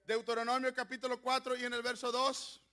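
A man preaching a sermon, who shifts from halting, self-correcting talk to loud shouted exclamations. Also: very high-pitched, monotone. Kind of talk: Pentecostal-style sermon.

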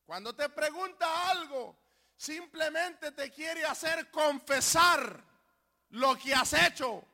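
A male pastor preaching a sermon, speaking emphatically, now and then shouting key lines and urging the congregation to respond. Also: very high voice, slow pace. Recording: long hall reverb.

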